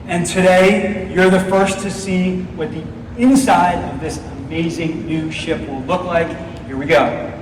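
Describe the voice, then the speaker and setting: An executive's keynote, upbeat and projected from the stage of a large dark convention auditorium, reaches a phone far back in the audience through the PA. His voice is high-pitched, steady, and unhurried, and the recording carries hall echo and crowd noise over a live audience.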